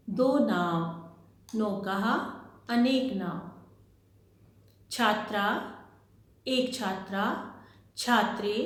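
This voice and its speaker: A woman teacher talks children slowly and patiently through a Sanskrit lesson, saying every word form with care. Her voice is mid-pitched and unhurried. Strong echo from the room rings around each word. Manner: patient, calls listeners "beta", drills each word slowly. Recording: very echoey room.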